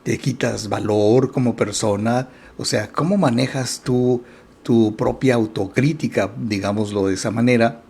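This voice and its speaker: A man hosting a reflective self-help talk show, speaking in an unhurried, thoughtful way with many pauses and soft "mm" fillers and putting gentle questions straight to the listener. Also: mid-range voice, fairly even intonation, vocal fry, husky.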